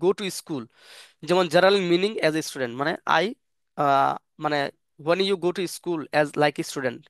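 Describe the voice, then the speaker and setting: A man giving a casual English grammar lesson, reading examples slowly and explaining quickly, with many fillers and restarts. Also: a little high, a bit bright, clean tone, dry recording, clean studio sound. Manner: mixes Bengali and English, reads examples slowly then explains fast. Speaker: English teacher.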